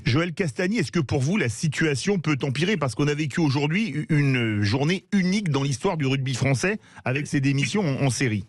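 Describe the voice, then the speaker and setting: A man hosting a sports radio talk show, introducing guests and asking questions in a measured way, sometimes correcting himself. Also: a little high, expressive, no room sound. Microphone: studio microphone.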